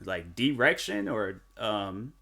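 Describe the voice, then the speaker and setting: With car engines and game music in the background, a young streamer talks through a racing game slowly but animatedly. His voice is lowish and sharp, and his chatter wanders, full of fillers and false starts.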